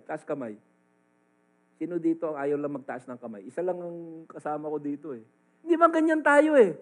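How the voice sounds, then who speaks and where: High-voiced Filipino pastor preaching animatedly. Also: male voice, poor audio. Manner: animated preaching, swinging between loud emphatic lines and quiet asides. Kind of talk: sermon.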